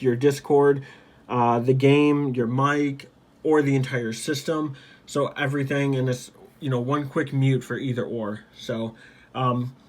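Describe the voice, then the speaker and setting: A man casually showing off his gaming setup on a handheld camera, talking in a loose, rambling way with lots of fillers and quick apologies. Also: medium pitch. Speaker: gaming YouTuber and streamer. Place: home gaming room.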